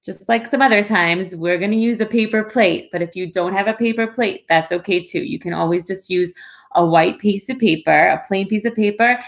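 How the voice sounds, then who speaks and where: A woman's voice: mid-range voice, normal speed, vocal fry. A woman presenting a craft to young children step by step, explaining simply and reassuringly.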